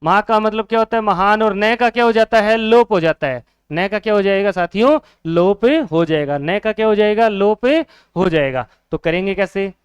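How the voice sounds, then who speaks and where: A man's voice: high voice, normal speed, clean tone, dry recording. A man teaching a Hindi grammar lesson for exam students, asking questions and answering them himself, repeating each key word.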